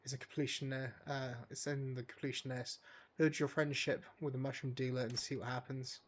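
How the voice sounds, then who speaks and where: A man's voice: mid-range voice, little pitch movement, normal speed. A man giving casual let's play commentary as a streamer, chatty and full of fillers, often tripping over his words.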